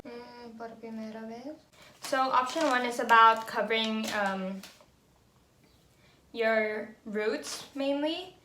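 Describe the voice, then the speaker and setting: A young Filipina beauty vlogger who natively speaks Tagalog and English chats casually at home, thinking aloud and laughing often as she narrates. Her voice is fairly high and a bit bright, with reverb and a faint hiss or hum.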